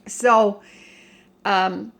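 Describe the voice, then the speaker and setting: An older American woman giving a casual rant to viewers in a halting, emphatic, plain-spoken way. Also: mid-range voice, steady tone, gravelly, fairly bright tone. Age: older, 60s or above. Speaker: home vlogger. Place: home kitchen.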